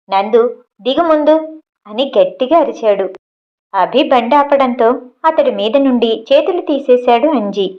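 Woman reading a story out loud, steady and expressive, highish voice, muffled lo-fi sound. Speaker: audiobook narrator. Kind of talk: storybook narration. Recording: dull lo-fi audio.

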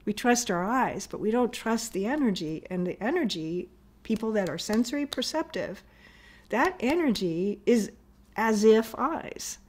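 A middle-aged woman giving an informal spiritual teaching talk as a meditation teacher, speaking earnestly with pauses and rephrasing. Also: fairly high pitch, lively intonation, darkish tone. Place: home living room, indoors.

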